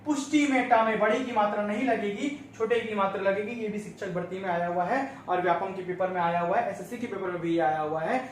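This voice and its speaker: A man teaching an exam-prep grammar lesson, slowly repeating correct and incorrect forms to drill them in. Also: sits high, a little hiss or hum. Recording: very echoey room, mic at a distance.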